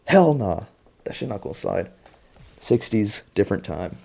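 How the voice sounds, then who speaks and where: A man's voice: on the low side, big pitch swings, normal speed, vocal fry, dark tone, breathy edge. A young man recapping a TV show in a casual vlog, full of slang, swearing and laughter.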